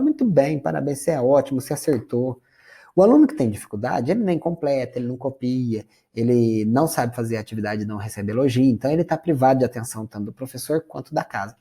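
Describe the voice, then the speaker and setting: Brazilian male lecturer, mellow and slightly husky, chatty classroom delivery. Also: medium pitch. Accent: Brazilian Portuguese. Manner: conversational, addresses audience as "gente".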